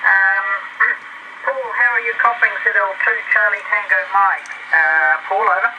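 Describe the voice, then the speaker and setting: A man's voice: high voice, fairly even intonation, pushed and bright, muffled recording. New man over crackling radio. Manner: unhurried, halting, clears throat often. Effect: heard over a crackling ham radio receiver, signal breaking up. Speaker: amateur radio operator. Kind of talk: ham radio contact chat. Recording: noisy received radio signal.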